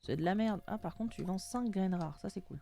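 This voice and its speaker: A woman's voice: mid-range voice, brisk, vocal fry, dark tone. A young woman chatting casually and jokingly while playing a video game, reading its text aloud. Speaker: gaming streamer. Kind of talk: casual let's-play chat.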